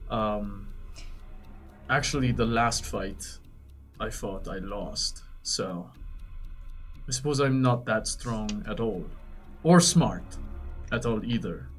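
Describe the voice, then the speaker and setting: A man's voice: lowish voice, a bit bright, soft background music, voice pushed down. A man playing an insecure, self-doubting adventurer in a tabletop game, with a hesitant, bashful, rambling delivery. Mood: dejected. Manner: hesitant, halting.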